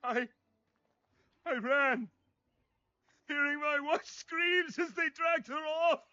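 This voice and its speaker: An actor playing a frantic, grieving male refugee who shouts warnings of doom, in a video game. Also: very high-pitched, slow pace, no room sound, exaggerated voice. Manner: shouting, ranting, wild. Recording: muffled game audio.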